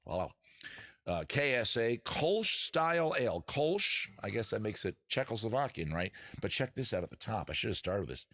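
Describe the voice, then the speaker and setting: A man with a lowish, sing-song, fairly bright voice hosts a live music and chat show at a moderate pace from his backyard. The livestream is loose, self-mocking chat with viewers, full of swearing and punctuated by made-up singing.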